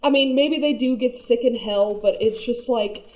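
A woman talks through a casual podcast chat with a mellow, warm tone. Her voice sits fairly high. She restarts often, laughs easily and swears casually. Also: normal speed, rough recording. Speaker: podcast co-host. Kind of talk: casual chat reviewing an anime.

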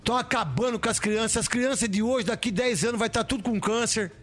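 A man's voice: very high-pitched, a little fast, a bit bright, soft background music. A Brazilian man hosting casual, opinionated chat, blunt and given to rants, repeating words for emphasis.

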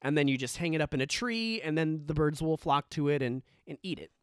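A man's voice: on the high side, brisk, smooth, no room sound, studio quality. A man co-hosting a podcast in casual chat, explaining things and thinking aloud with restarts. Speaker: podcast co-host.

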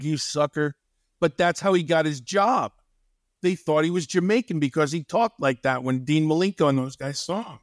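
Male podcast co-host, slightly higher voice, dry close mic, rambling storyteller. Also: no echo. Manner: rambling, folksy, tells stories. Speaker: podcast co-host, former wrestling trainer. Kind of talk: casual podcast chat.

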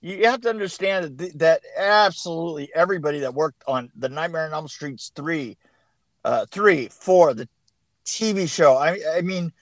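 A man's voice: on the high side, normal speed, dry recording. A man telling rambling behind-the-scenes stories as an interview guest, with many restarts and bursts of laughter. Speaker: production designer guest. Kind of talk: casual interview chat.

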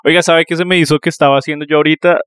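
A man's voice: fairly high pitch, steady tone, very fast, fairly bright tone, smooth, no room sound, clean studio sound. A Colombian man from Neiva, co-hosting a podcast in casual, joking, slangy chat on a phone mic. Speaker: podcast co-host.

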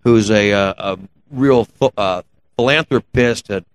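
A man's voice: fairly low pitch, measured pace. Slangy man telling car stories, noisy background. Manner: colloquial, slangy shop talk. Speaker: guest, race car builder and shop owner. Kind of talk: casual interview chat, telling car stories. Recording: clear background noise and ambience. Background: ambient noise.

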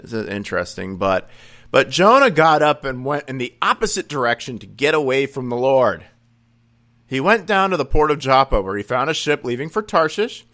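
A young man preaches with plain earnest conviction, moving between scripture reading and personal story. His voice sits at an ordinary male pitch. He swells loud and high on key points, then sinks low and slow. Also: big pitch swings.

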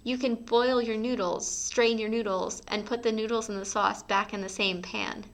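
A woman's voice: a little high, steady tone, normal speed. A woman co-hosting a casual book podcast, talking in an informal, opinionated, conversational way. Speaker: podcast co-host.

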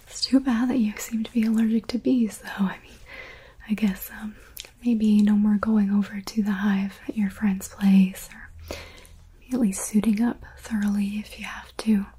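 A young woman whispering softly and reassuringly, in a whispered medical roleplay as a paramedic. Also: mid-range voice, a little hiss or hum.

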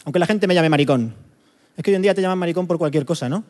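A man from doing a stand-up monologue, punchy and chatty with quick asides to the crowd. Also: on the high side, a little mellow, big-room sound. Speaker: stand-up comedian.

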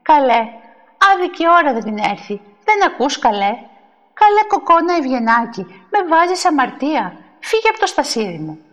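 A quarrelsome old church lady who scolds in a shrill, raised voice and will not back down, as a woman narrator puts her on. Her voice rings through a long, hall-like reverb. The delivery is high and piercing. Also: lively intonation. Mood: indignant. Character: quarrelsome older woman fighting over a church pew.

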